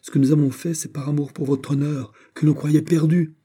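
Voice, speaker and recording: A man's voice: a little high, flat delivery, brisk, mellow, husky, voice pushed up. A man reading an audiobook, voicing a sheepish soldier who speaks pitifully and apologetically. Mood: apologetic. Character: sheepish male soldier under reproach. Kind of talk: audiobook character voice.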